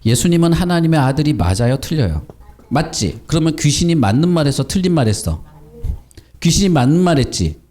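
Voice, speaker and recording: A man preaches a children's sermon at Sunday school, talking to the kids in a relaxed, informal way. His pitch rises and falls freely as he quizzes them and acts out little quotes. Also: brisk. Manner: animated, asks children questions and acts out quotes.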